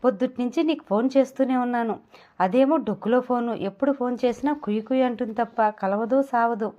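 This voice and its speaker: A woman's voice: a little high, warm tone, lo-fi sound, close to an everyday voice. A woman voicing a flustered, anxious young man who is about to be married, reading audio novel dialogue. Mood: pleading. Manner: flustered, rushing and pleading. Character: anxious young male groom, pleading.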